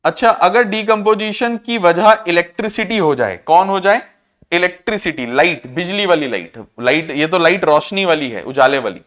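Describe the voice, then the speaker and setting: High-voiced male teacher dictating notes. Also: lively intonation, fairly bright tone. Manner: repeats key terms and asks the class to echo them; slows to a dictation pace for English definitions. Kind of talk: classroom lecture.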